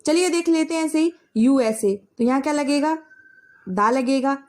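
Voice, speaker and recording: A woman's voice: high voice, moderate pace, darkish tone. A young woman teaching an exam-prep grammar lesson, asking questions and answering them herself.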